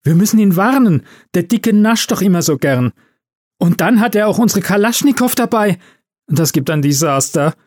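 A man voicing a nervous, scheming young female elf who talks in an excitable, conspiratorial way. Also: sits high, moderate pace, voice pushed up. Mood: excited.

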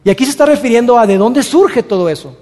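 A man preaching a sermon as pastor, in a conversational way, acting out everyday excuses in quick asides. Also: very high-pitched, expressive, darkish tone. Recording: long reverb of a large hall.

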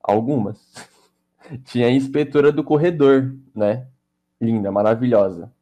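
A young man, chatting on a podcast in a relaxed, slangy way full of fillers. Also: medium pitch, measured pace. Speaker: podcast co-host. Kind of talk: casual storytelling chat.

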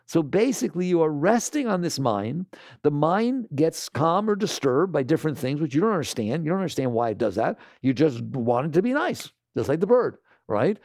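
Man, gravelly voice, slightly higher pitch, lecturing, rhetorical questions, dry sound. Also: dry recording. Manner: animated, scolding, rhetorical questions. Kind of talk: talk to an audience.

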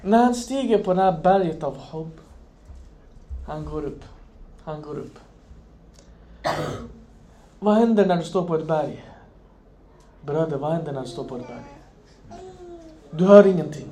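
Guy preaching a sermon, high voice, gets loud then drops way down quiet. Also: pauses often. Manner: impassioned, swinging from loud to hushed. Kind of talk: Islamic sermon.

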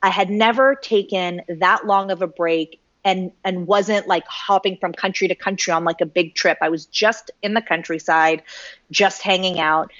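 Animated woman guest, low voice, dull audio. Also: normal speed, no room sound. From Canada. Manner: animated, uses "like" often. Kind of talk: casual interview.

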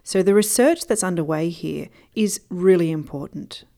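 Between interview questions, a podcast host speaks straight to her listeners, explaining things informally in conversational narration. Her voice is fairly low and warm, at a moderate pace.

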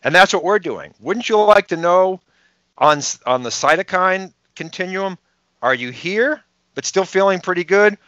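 A man's voice: high voice, expressive, normal speed, sharp tone, clear, resonant tone, no echo, lo-fi sound. A man with a Boston accent, a podcast guest explaining health research in an emphatic way and asking rhetorical questions. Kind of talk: explanatory interview talk.

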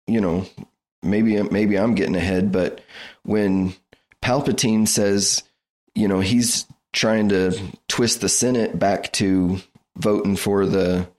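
A man's voice: lowish voice, fairly even intonation, slow pace, darkish tone. A man co-hosting a podcast in casual chat, building his point step by step. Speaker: podcast co-host.

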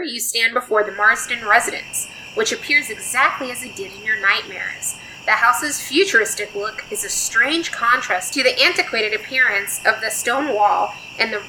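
A woman's voice: fairly high pitch, sharp tone, slight background noise, low-quality recording. A woman playing a tabletop story game with friends, reading the story cards aloud and explaining the rules.

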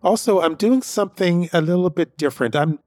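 This podcast host's high, slightly mellow voice moves fairly quickly as he rambles through a personal story, repeating himself conversationally. The recording is studio quality with no echo.

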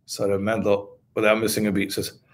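A man's voice: on the low side, completely flat delivery, fairly quick, slight background noise. A man teaching a religious text to a class, talking in short bursts and stopping to explain each term. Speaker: Torah teacher.

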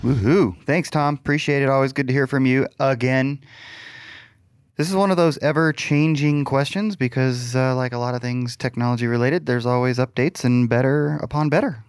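A man's voice: mid-range voice, steady tone, moderate pace, smooth, no room sound, clean studio sound. A man co-hosting a podcast, trading jokey, upbeat banter. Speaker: podcast co-host. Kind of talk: casual podcast chat.

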